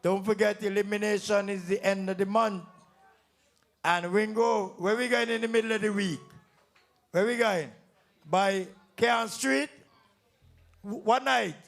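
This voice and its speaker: Hosting before a live calypso tent audience, a St Kitts comedian teases spectators in his Kittitian accent. His high, creaky, fairly bright voice moves a little slowly, broken by long pauses, while faint music plays behind.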